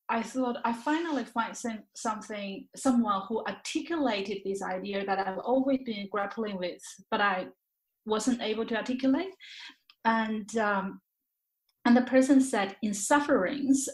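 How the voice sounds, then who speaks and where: With a mid-range voice and measured pace, this interview guest reflects candidly, often circling back over words and phrases as she gropes for the right expression. The sound has a roomy echo.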